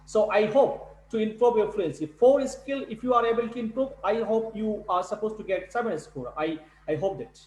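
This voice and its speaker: A male tutor running an online speaking class, halting and repeating words. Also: sits high, a little mellow, reverberant, rough recording. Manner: halting, repeats words, non-native English. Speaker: English test tutor. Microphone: video call.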